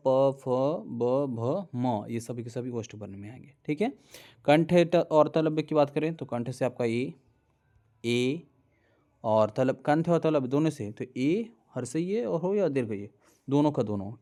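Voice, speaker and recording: A man's voice: medium pitch, mellow. A young man teaching a grammar lesson, explaining step by step, repeating each letter aloud and checking in with his listeners.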